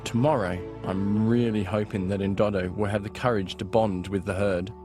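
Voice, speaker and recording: A man narrates a wildlife story in nature documentary style. His voice is fairly low, and he reads scripted lines. Music plays clearly behind him. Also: steady tone, normal speed.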